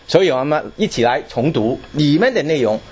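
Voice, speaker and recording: A man's voice: fairly high pitch, big pitch swings, a little fast, darkish tone, slightly rough, muffled recording. A man preaching a sermon, asking the congregation questions and repeating his words as he goes.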